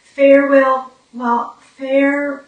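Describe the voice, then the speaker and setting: Woman in her forties, documentary interviewee, slightly high, flat delivery, recorded in a very echoey room. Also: recorded from a distance, muffled recording. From Newfoundland, Canada. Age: 40s. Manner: slow, halting, with pauses and fillers. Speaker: brain injury survivor telling her story.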